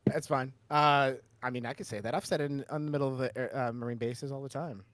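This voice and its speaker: A man's voice: medium pitch, steady tone, fast, a bit bright, no room sound. A man co-hosting a podcast in casual chat, rambling and restarting his sentences with frequent chuckles. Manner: rambling, self-interrupting, chuckles often. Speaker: podcast co-host.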